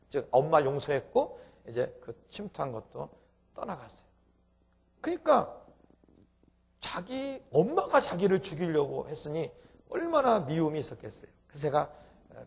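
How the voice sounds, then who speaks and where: A middle-aged male pastor telling a story in a sermon, with sudden loud exclaimed peaks. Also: on the high side, wildly swooping pitch, moderate pace, creaky, husky.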